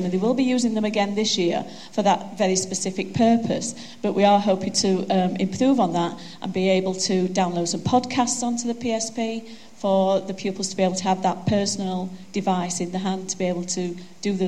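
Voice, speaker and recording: This is a woman's medium-pitched, slightly mellow voice in a broad Yorkshire accent. Holding a microphone at a conference, she delivers a chatty, jokey, self-deprecating talk.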